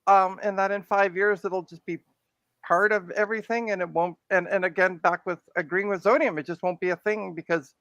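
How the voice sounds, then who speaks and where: A woman's voice: medium pitch, steady tone, fairly quick, a bit bright, dry recording, highs cut off. A woman co-hosting a casual podcast chat, sarcastic and jokey.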